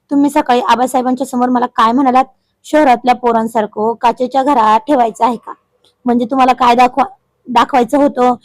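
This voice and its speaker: A woman voicing an angry young wife from the city, sharp, accusing and close to tears. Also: high-pitched, dry recording, close to an everyday voice.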